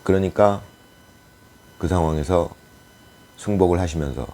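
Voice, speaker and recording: A man giving a casual political commentary monologue, speculating aloud and pausing often with hesitant fillers. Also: low voice, mellow.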